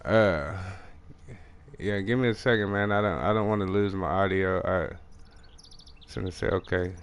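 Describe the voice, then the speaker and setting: A young man with a country Texas accent who talks fast and mumbles, casually commenting on a fishing game he is playing. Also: sits low, smooth. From Texas, USA. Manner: fast mumbling talk with restarts. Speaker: gaming streamer.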